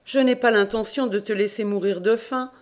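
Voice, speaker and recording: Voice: medium pitch, steady tone, normal speed, voice pushed up, natural voice. An audiobook reader voicing a kindly, hospitable older priest, reading his lines in a coaxing, firm way.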